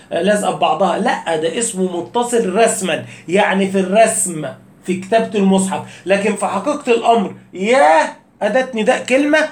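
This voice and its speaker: High-voiced Egyptian man teaching recitation. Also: roomy sound. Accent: Egyptian Arabic. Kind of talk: casual spoken lesson.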